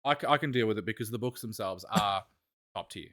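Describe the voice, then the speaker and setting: A man's voice: fairly low pitch, a little fast, fairly bright tone. A man co-hosting a casual podcast chat, rambling enthusiastically and often trailing off mid-thought. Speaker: podcast co-host.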